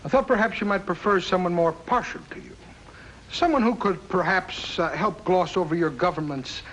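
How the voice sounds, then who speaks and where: An actor playing a smug, scheming foreign diplomat in a 1950s radio drama. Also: male voice, sits high, moderate pace, a bit bright, low-quality recording. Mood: accusing. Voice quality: smug, mocking.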